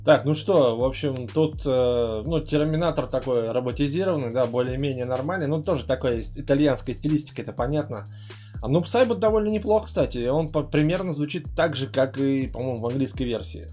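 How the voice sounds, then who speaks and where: A man's voice: mid-range voice, brisk, warm tone, soft background music. A man giving casual, rambling gaming commentary as a channel host. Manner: informal, rambling.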